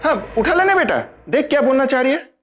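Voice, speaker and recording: A man's voice: very high voice, expressive, quick pace, a bit bright, lo-fi sound. A man playing a controlling, mock-sweet middle-aged husband and father in a TV crime drama, coaxing and taunting. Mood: falsely reassuring. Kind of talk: Hindi TV crime drama acting. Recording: music behind the voice.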